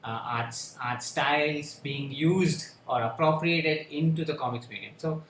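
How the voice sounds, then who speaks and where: Guy on a panel, slow and halting, lots of uhs, roomy echo. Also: on the high side, fairly bright tone, a little hiss or hum. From India. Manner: halting, many fillers and restarts. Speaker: panel speaker. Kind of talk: panel discussion talk. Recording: echoey room with faint ambience.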